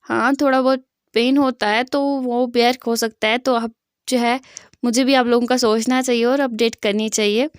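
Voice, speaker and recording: A woman's voice: fairly high pitch, steady tone, moderate pace, clear, resonant tone, no echo, clean studio sound. A woman retelling a fan fiction story in a chatty, casual way, full of fillers.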